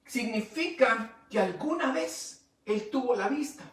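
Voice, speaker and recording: A man pastor preaching a sermon, swinging from quiet asides to loud emphatic rises. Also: extremely high pitch, lively intonation, a little slow, reverberant, far from the mic. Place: church.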